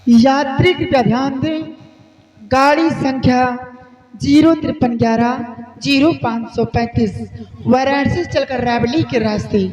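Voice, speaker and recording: A man doing a high, echoing female station announcer over the loudspeaker. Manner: formal, measured announcing.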